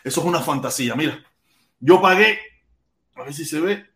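A man with a Cuban accent hosting a casual live stream, animated, exclaiming and repeating himself. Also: a little high, moderate pace. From Cuba. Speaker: podcast host. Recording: echoey room.

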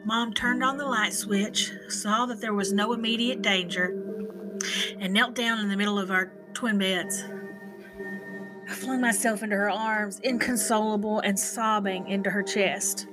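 A woman's voice: medium pitch, fairly even intonation, a little slow, rough recording. A woman narrates a scripted first-person horror story as a podcast host, in a spooky, theatrical storytelling manner. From eastern Kentucky, United States. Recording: music behind the voice. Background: background music.

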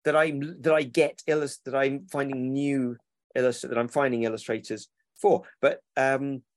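A man's voice: mid-range voice, little pitch movement, normal speed, no echo. A man, a children's book publisher who rambles and corrects himself in a casual interview over a remote call.

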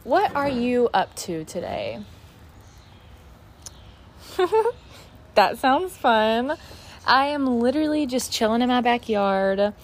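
Recording outdoors in her backyard, a twenty-one-year-old woman chats candidly on her solo podcast, full of fillers. Her voice runs on the high side and is very animated, yet she takes her time and pauses often.

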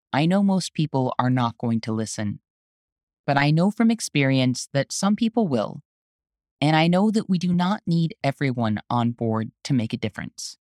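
An activist and journalist hosting the show, reading a scripted spoken essay in an earnest, urgent, deliberate way. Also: mid-range voice, darkish tone, dry recording, studio quality.

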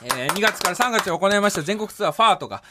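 A man co-hosting a comedy radio show, talking offhand and quick, mumbling announcements then suddenly going loud. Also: sits high, animated, background noise. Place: radio studio.

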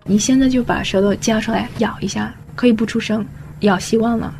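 Encouraging woman coach with a mellow, slightly high voice, drilling sounds one-on-one over faint music. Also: steady tone, a little fast, creaky. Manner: encouraging, models words for repetition. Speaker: pronunciation coach.

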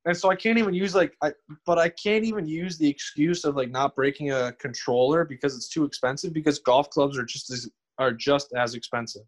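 A young man chatting casually as a podcast guest, rambling and halting, often repeating himself. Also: a little high, fairly even intonation. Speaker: guest streamer.

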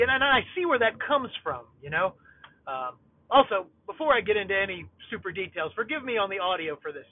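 A man's voice: high voice, no echo. A middle-aged podcast host talking off the cuff from inside his car, his voice sounding tinny and metallic through the car's built-in Bluetooth audio, rambling with many filler sounds. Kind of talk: unscripted solo monologue. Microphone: car's built-in Bluetooth system.

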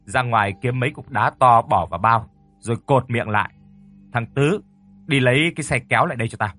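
A man's voice: medium pitch, brisk, bright, forceful tone, faint music behind, natural voice. A man voicing an angry, cruel older male landlord who barks bullying orders at his servants. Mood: commanding.

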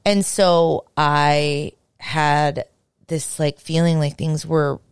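A woman's voice: deep voice, level tone, slow pace, clean tone, dry recording, clean studio sound. A woman hosting a podcast, chatting casually and candidly and swearing now and then. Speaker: podcast host. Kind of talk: casual conversational chat.

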